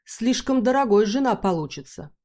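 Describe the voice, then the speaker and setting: A woman voicing a hot-headed, boastful bearded man who talks slowly with mangled grammar. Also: fairly high pitch, lively intonation, warm tone, pitched above the performer's own voice. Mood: haggling. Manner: mangled grammar, slow and drawling.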